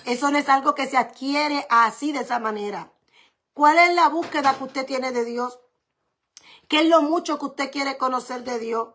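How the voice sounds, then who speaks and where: A woman's voice: high-pitched, moderate pace, fairly bright tone, a little hiss or hum. A woman pastor preaching a sermon, repeating key phrases and asking rhetorical questions.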